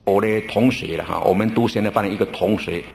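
A middle-aged male pastor preaching a sermon in a relaxed, storytelling way, drawing out his sentence-end particles. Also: lowish voice, fast, vocal fry. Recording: roomy church recording with faint ambience.

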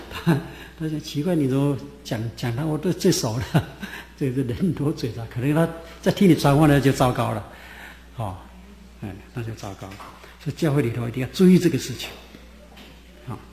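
Male preacher, mellow voice, folksy sermon with filler sounds, reverberant hall. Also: mid-range voice. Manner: folksy Bible teaching with many "ah" fillers. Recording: echoey hall with faint ambience.

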